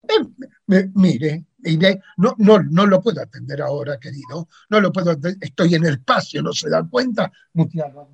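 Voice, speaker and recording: A man's voice: a little high, animated, normal speed, creaky, slightly rough, lo-fi sound. A middle-aged man with an Argentine accent playing a flustered, stammering character in a comic sketch. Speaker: sketch character, supposed astronaut.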